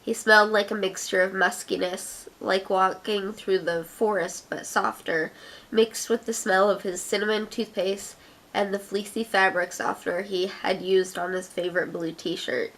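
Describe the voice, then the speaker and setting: Here a young woman from Canada, Ottawa accent and all, talks at a moderate pace with fairly even intonation in a mid-range, slightly bright voice. The recording is rough. A vlogger, she chats through an accent challenge and giggles while reading her own fiction.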